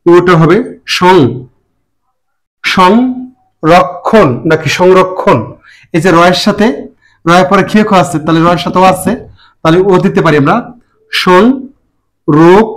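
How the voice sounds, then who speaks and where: A man teaching pronunciation, spelling out words slowly and deliberately, syllable by syllable. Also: high-pitched, rough recording. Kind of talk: classroom lesson.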